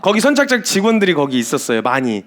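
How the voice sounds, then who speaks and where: A man who is a missionary preacher, giving a sermon full of lively stories. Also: fairly high pitch, fast talker. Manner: animated, storytelling.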